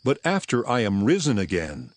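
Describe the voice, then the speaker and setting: An actor playing Jesus as a solemn, authoritative teacher in a dramatized scripture reading, with measured, weighty delivery. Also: male voice, fairly low pitch, wildly swooping pitch, dry recording. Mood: solemn, prophetic. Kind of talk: dramatized scripture, archaic English. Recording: voice over prominent music.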